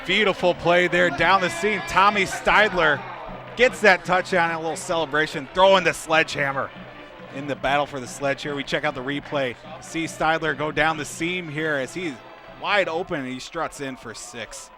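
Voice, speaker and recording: A man's voice: on the high side, normal speed, over music. A man working as a color commentator, analyzing football plays and replays. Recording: crowd noise at outdoor stadium.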